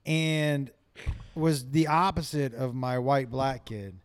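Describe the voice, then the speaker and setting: A man's voice: medium pitch, fairly even intonation, takes it slowly, smooth. A man who works as a comedian, telling stories in casual chat, swearing freely and laughing through his punchlines. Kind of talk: casual podcast chat, storytelling.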